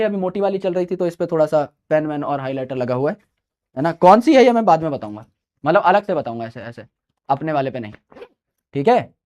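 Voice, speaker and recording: A man's voice: high voice, a little mellow. A male coaching teacher giving casual, brotherly study advice to students, often checking in with them as he talks. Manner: chatty, brotherly, checks in with "right?". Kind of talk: casual mentoring talk to students.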